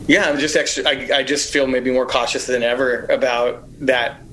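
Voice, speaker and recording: A man's voice: medium pitch, level tone, moderate pace, bright, forceful tone, slight background noise, low-quality recording. A man in his fifties, a guest musician in a casual conversation, talking reflectively and rambling with lots of fillers. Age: 50s.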